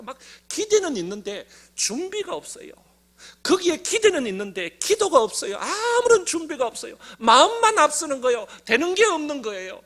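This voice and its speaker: Gyeongsang pastor preaching, really high voice, super lively, gets the congregation to repeat after him. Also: male voice. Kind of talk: sermon.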